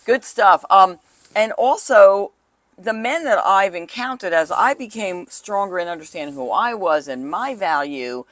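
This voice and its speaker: Lively, chatty middle-aged woman. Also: medium pitch, a little slow, dry recording. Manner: animated, talkative, laughs easily. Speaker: dating coach. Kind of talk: casual co-hosted chat.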